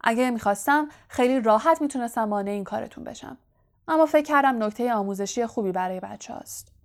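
A woman's voice: a little high, natural voice. A woman voicing a vain, boastful male wizard teacher in an audiobook, talking in a showy, self-satisfied way and projecting grandly. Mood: flustered bragging. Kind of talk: audiobook character voice.

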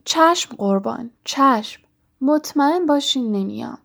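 A woman's voice: fairly high pitch, lively intonation, dark tone. A woman voicing a mischievous male poltergeist who turns oily and groveling. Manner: wheedling, then groveling and oily. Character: sly mischievous male poltergeist, fawning when scared.

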